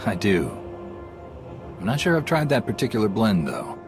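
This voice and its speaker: A steadfast Jedi hero in a video game. His voice is very deep, with measured, courteous, earnest delivery. Music is clearly heard behind him. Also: wildly swooping pitch. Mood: calm, earnest. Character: steady, polite male Jedi commander hero. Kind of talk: video game cutscene acting.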